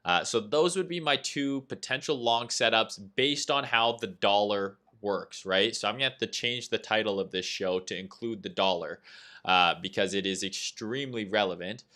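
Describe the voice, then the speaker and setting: A young man from Canada, speaking with a Canadian accent, hosts a relaxed livestream of market commentary and walks through trading setups. His voice is on the low side, bright and forceful, at a moderate pace. He reads chat out loud and leans on "uh" and "right?".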